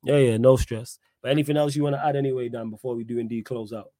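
A man's voice: mid-range voice, steady tone, fast talker, warm tone, no room sound, clean studio sound. A man with a London roadman accent hosting a livestream, chatting casually in slang. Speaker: livestream host.

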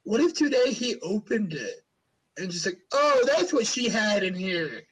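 A man hosting a podcast in casual chat, with a fairly high voice. He rambles and swears a lot as he talks. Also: big pitch swings, unhurried, breathy edge, poor audio. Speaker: podcast host.

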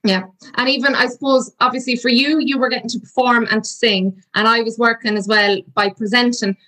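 A woman's voice: on the high side, flat delivery, fairly quick, sharp tone, rough recording. A woman with a west of Ireland accent, hosting a podcast in a chatty interview style. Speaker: podcast host.

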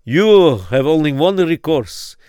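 A man playing a grave, insistent rabbi who slows down to press his points. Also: fairly high pitch, lively intonation, darkish tone, clear, resonant tone, dry recording, clean studio sound. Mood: solemn. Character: stern, solemn male rabbi advising a father.

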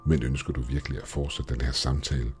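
A man's voice: a bass voice, little pitch movement, a little mellow, soft background music. A man voicing a mocking, goat-legged male demon shopkeeper in a horror story. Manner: smug, taunting, hissing.

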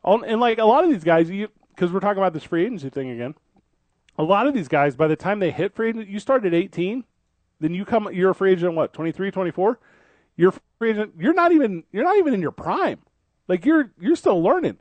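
Male sports radio host, higher-pitched, dry sound, casual and conversational, rephrasing as he builds arguments. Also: expressive, fast talker, darkish tone, no echo. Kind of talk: casual sports talk commentary.

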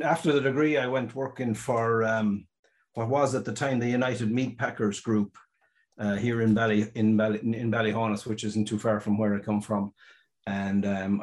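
A man with a west of Ireland accent chatting in an interview, halting and restarting his phrases as he goes. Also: fairly low pitch, a little mellow. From County Mayo, west of Ireland. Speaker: interview guest, farmer. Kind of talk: casual interview talk.

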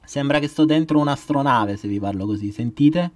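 A man's voice: medium pitch, fairly quick, a little mellow, no room sound. Man with a metallic robot voice filter. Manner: rambling, joking, many restarts. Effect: metallic spaceship-like voice filter. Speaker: livestream host. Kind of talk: casual live chat with viewers.

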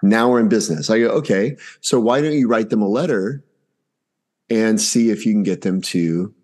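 Guy in his 40s on a podcast, lowish voice, animated storytelling, acts out the back-and-forth. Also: normal speed. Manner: animated, acts out family dialogue. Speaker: podcast guest. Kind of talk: casual anecdotal storytelling.

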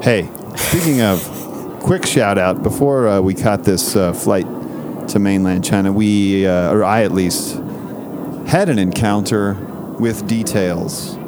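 A man with a fairly low voice co-hosts a loose, joking podcast. He delivers his gags dry and deadpan, and faint noise sits under the recording. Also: unhurried. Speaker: podcast co-host. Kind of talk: casual comedic podcast banter.

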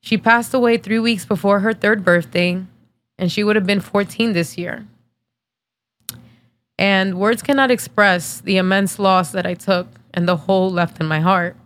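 A woman's voice: mid-range voice, steady tone, a little slow, fairly bright tone. A woman in her thirties hosting a podcast, telling a personal story in a casual, candid way with many fillers, tearful and emotional. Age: 30s. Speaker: podcast host.

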